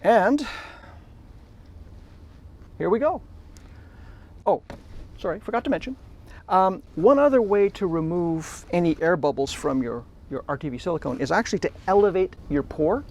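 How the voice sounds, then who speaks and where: A man's voice: sits high, animated, moderate pace, long pauses, a little mellow, slight background noise. A man demonstrating a hands-on hobby technique, chatty and enthusiastic as he narrates while working. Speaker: hobby instructor. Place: workshop.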